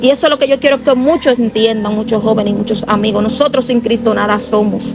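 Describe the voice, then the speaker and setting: A woman's voice: on the high side, fairly even intonation, fast, background noise. A woman giving an emotional religious testimony, telling her story earnestly and repeating herself often.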